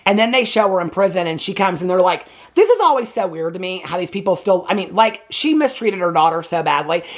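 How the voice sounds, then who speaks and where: A woman casually recapping a movie to camera, sassy and chatty, acting out the characters' lines with big jumps in pitch. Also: expressive, fairly quick. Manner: sassy and chatty, sarcastic asides. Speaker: movie reviewer.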